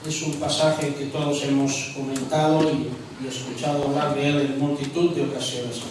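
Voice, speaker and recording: A man preaching a sermon in church, measured and earnest, also reading scripture aloud. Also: mid-range voice, flat delivery, background noise.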